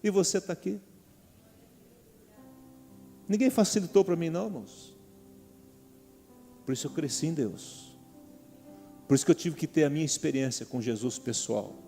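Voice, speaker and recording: A man's voice: a little high, moderate pace, gravelly, long pauses. A middle-aged man with a Brazilian Portuguese accent preaching a sermon as pastor. He talks animatedly, calls out to the congregation and acts out quotes. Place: large church hall. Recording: reverberant church hall with soft music.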